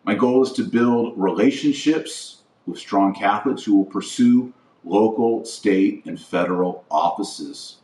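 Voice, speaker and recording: An American podcast host delivers an earnest political and religious monologue, using emphatic repetition and building lists. His voice is on the low side and slightly mellow, recorded with roomy echo from a distance from the mic.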